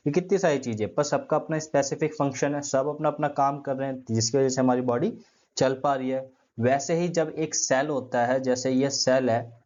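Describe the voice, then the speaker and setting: Male teacher, mid-pitched, asks and answers his own questions, slightly muffled lo-fi recording. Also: a little mellow. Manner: repeats key terms, uses everyday comparisons. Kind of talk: classroom lecture. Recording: dull lo-fi sound.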